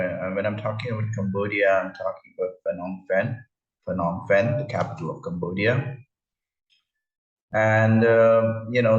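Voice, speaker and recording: A man's voice: low voice, recorded from a distance. A man from India, a travel vlogger, talking hesitantly with many fillers over a slideshow, face not shown. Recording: roomy, dull lo-fi sound.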